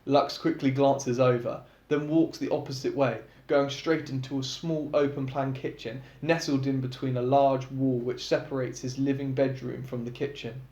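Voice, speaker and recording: A man's voice: medium pitch, little pitch movement, normal speed, hardly any pauses, darkish tone. Chatty man reading his own story. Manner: casual, chatty, laughs between chapters. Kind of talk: storytelling narration with asides. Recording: echoey room.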